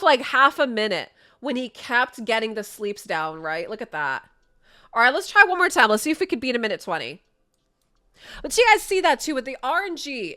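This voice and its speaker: A young gaming content creator with a pushed, bright, fairly high voice chats cheerfully through her gameplay for viewers. She sounds sniffly from a sinus infection and is recorded indoors on a desk mic.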